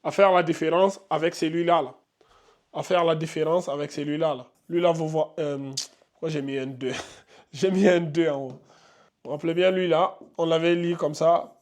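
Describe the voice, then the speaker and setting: A fairly high-voiced man whose first language is Pulaar teaches a whiteboard lesson on the Arabic alphabet. He draws each syllable out and says it several times over. Between drills he talks to his learners in a chatty, direct way. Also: steady tone, darkish tone. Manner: repeats syllables slowly, drawn out.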